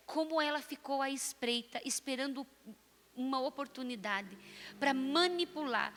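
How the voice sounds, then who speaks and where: A Brazilian woman pastor preaching a lively sermon and addressing her listeners directly. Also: on the high side, in a large hall. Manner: animated, lively preaching with asides to the audience.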